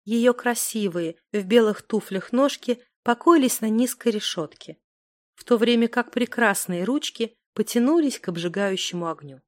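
A woman narrating a story in a calm, measured reading voice. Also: a little high, no echo, studio quality. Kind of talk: audiobook narration.

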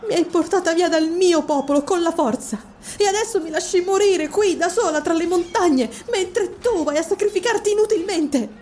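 A man doing a proud, very high-pitched princess. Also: normal speed, a little mellow, slight background noise. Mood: reproachful. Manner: imperious, pleading then commanding. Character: proud young royal woman, commanding. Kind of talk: audiobook character voice.

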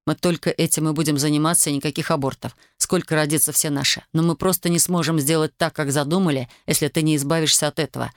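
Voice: medium pitch, fairly even intonation, quick pace, few pauses, no room sound, clean studio sound, lightly acted. A narrator voicing a wounded young male soldier who speaks tersely and with exasperation, in an audiobook reading.

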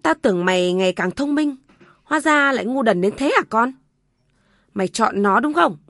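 Brief: a woman playing a spiteful elderly mother-in-law, high shrill scolding, dry close read. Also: lively intonation, unhurried, sharp tone, no room sound, full character voice. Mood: shrieking.

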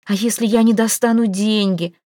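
A woman's voice: medium pitch, steady tone, normal speed, a little mellow, no echo, studio quality, voice pushed up, close to an everyday voice. A woman voicing a young woman who is frantic and tearful, pleading breathlessly between sobs, in a storybook reading. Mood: panicked.

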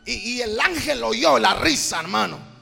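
A fervent male preacher who speaks slowly and in a gravelly voice. He stretches his phrases and swings his pitch widely. His words ring through a hall with a long echo and soft music behind. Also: lively intonation. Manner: fervent, drawn-out, addresses "hermano". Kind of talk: evangelical sermon. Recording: reverberant hall, faint music.

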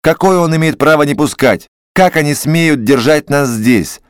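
A man voicing a furious shouting patient. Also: a little high, moderate pace, smooth, dry recording, clean studio sound, pitched above the performer's own voice, lightly acted. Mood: outraged. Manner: shouting, outraged. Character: indignant agitated male hospital patient.

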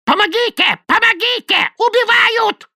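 A man's voice: extremely high pitch, unhurried, pushed and bright, voice pushed up, full character voice. A man voicing a parrot that screeches piercing cries for help and begs for drinks. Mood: panicked. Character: shrieking parrot, a former bar bird.

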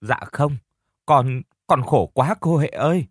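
A man's voice: medium pitch, slow, husky, dry recording, clean studio sound, pitched above the performer's own voice. A man voicing a young woman niece who argues back and then pleads in a told story. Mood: pleading. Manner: pleading, defiant, sobbing speech.

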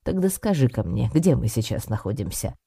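Man reading as a worldly tomcat, slow-drawling, dark husky voice, audiobook. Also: mid-range voice, sing-song, no room sound, clean studio sound, exaggerated voice. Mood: patient. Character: streetwise male tomcat, calm and patient guide.

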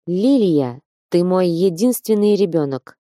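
A woman's voice: expressive, measured pace, mellow, dry recording, clean studio sound. A woman voicing a blunt, rich male dwarf who has come to find his grown daughter, speaking in curt, matter-of-fact lines. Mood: gruff. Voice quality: bass, blunt. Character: gruff bearded rich male dwarf father. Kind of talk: audiobook character voice.

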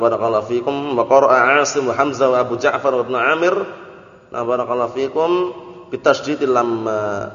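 A male religious teacher giving a grammar lesson, repeating terms, translating them and often asking whether everyone understood. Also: medium pitch. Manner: keeps checking if listeners understood. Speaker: Islamic teacher. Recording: echoey hall, dull lo-fi audio.

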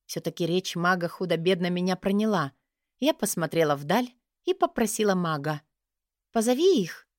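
A woman reading a first-person fantasy audiobook in a lively, wry storytelling manner. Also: on the low side, moderate pace, dry recording, studio quality. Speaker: audiobook narrator.

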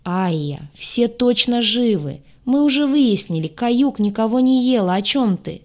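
A woman's voice: a little high, lively intonation, measured pace, voice pushed up. A woman reading an audiobook, voicing a sarcastic, cheeky young male alien mechanic with a mocking, joking manner. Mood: soothing.

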